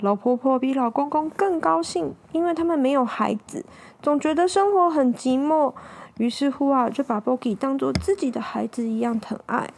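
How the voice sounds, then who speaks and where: Give me a high-pitched woman storyteller, animated, for children. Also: normal speed, vocal fry. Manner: animated, asks listeners to join in.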